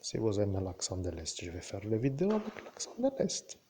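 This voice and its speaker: A man with a Lorraine French accent, talking to his viewers in a slow, wandering monologue and often turning to address the listener directly. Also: lowish voice, wildly swooping pitch, dark tone, slight background noise. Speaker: vlogger. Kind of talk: rambling monologue to camera.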